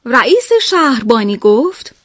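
A woman's voice: a little high, big pitch swings, fairly bright tone, dry recording, clean studio sound. A woman narrating historical anecdotes in a scripted radio program.

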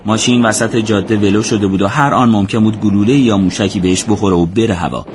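A man narrating a war story as scripted audiobook narration, in a steady, measured way. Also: lowish voice, background noise.

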